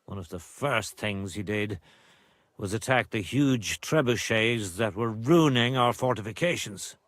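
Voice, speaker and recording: A man's voice: on the low side, lively intonation, a little slow, a bit bright, no echo. Grave, proud older nobleman. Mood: somber. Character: proud, grieving older nobleman and father in medieval drama. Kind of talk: video game dialogue acting.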